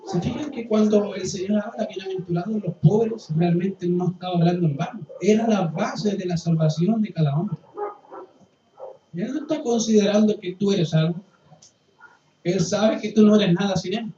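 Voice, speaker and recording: A man preaching a sermon as pastor, impassioned, swinging from loud pleading to hushed, quiet passages. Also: sits high, normal speed, a little hiss or hum. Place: church hall. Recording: roomy, distant, dull church recording with faint ambience.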